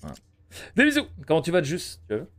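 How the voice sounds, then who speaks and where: A man's voice: on the high side, very animated, very fast, a little mellow. A man in his thirties doing casual live game commentary, muttering to himself and talking to his chat. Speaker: game streamer.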